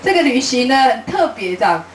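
Lively woman telling stories at a book talk. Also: a little high, brisk. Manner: lively storyteller who acts out conversations, laughing often. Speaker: travel author giving a book talk. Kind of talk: live talk to an audience. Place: bookstore event room. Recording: roomy, distant, faint hiss.

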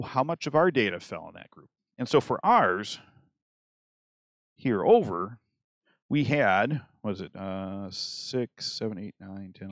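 A man teaching a math lesson in a loose, chatty way, pausing to restart his sentences and asking his students "okay?" as he goes. His voice sits at an ordinary middle pitch. The sound is close and dry, with no room around it. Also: no room sound. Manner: conversational, restarts mid-sentence, checks in with "okay?".

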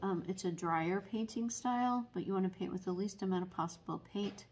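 Woman, painting tutor, slightly husky voice, casual how-to delivery with frequent ums. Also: mid-range voice, a little mellow. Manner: unhurried, many ums, explanatory. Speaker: painting instructor and paint retailer. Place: indoors at a table, painting.

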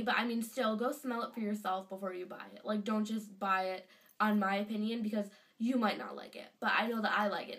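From her bedroom, a teenage girl with a cold-stuffed nose gushes through a casual fan vlog, chatty and full of fillers. Her medium-pitched, slightly bright voice comes from a webcam at desk distance, so it sounds distant.

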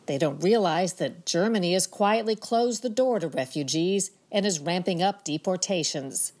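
A woman reporter narrating a news report in a measured, matter-of-fact way. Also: lowish voice, a little mellow.

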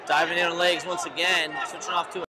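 A man giving steady play-by-play commentary on a wrestling match in a large indoor hall. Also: fairly high pitch, a little fast. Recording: arena noise behind. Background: crowd and arena noise.

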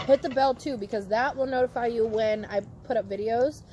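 A woman's voice: a little high, brisk, dark tone, slight background noise. A woman hosting a casual vlog outdoors, chatting and asking viewers to like and subscribe. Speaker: vlog host. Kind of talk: casual chat.

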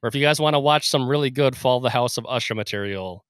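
A man's voice: mid-range voice, fast talker, a bit bright, dry recording, studio quality. A man co-hosting a podcast, talking casually with lots of fillers and laughs. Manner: laughs often, rambling with fillers. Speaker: podcast co-host. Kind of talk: casual chat.

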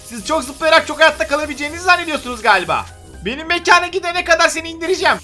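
A young-sounding man with a high, bright voice rattles off lively gameplay commentary, full of excitable teasing and trash talk. He speaks from a desk setup indoors, with faint music running underneath. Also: very fast. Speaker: gaming YouTuber. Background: faint background music.

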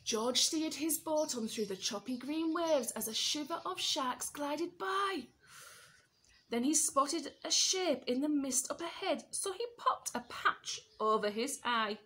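Reading a picture book to little children, a woman teacher is expressive and pauses now and then to pose questions to them. She moves through the story without hurry, her high-pitched voice rising and falling widely.

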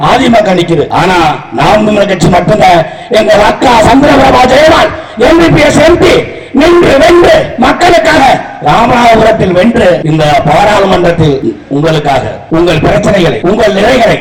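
Male political rally speaker, Tamil Nadu accent: impassioned, shouted, combative rally speech, heard distant and echoey over a public address system. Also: high-pitched, animated, moderate pace. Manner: impassioned, shouting, combative, repeats phrases for emphasis. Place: public meeting in a town. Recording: echoey distant PA with loud crowd noise.

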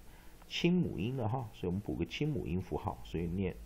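A man teaching English pronunciation, spelling out letters and repeating words to drill them, often ending phrases with a soft "ha". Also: deep voice, huge pitch swings, brisk, creaky, a little hiss or hum. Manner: tags phrases with a soft "ha" particle. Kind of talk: pronunciation lesson.

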